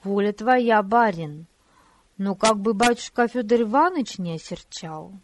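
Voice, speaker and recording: A woman's voice: mid-range voice, lively intonation, a little slow, no room sound, close to an everyday voice. A woman voicing a big, bony peasant coachman who speaks humbly and folksily to his young master. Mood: deferential. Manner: folksy, deferential.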